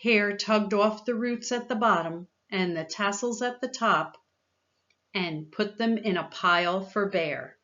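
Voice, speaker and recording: Female storyteller: unhurried, bright voice, expressive picture-book reading, slightly dull recording. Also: mid-range voice. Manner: expressive, deliberate. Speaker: volunteer gardener reading a children's book aloud. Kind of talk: dramatized storybook narration.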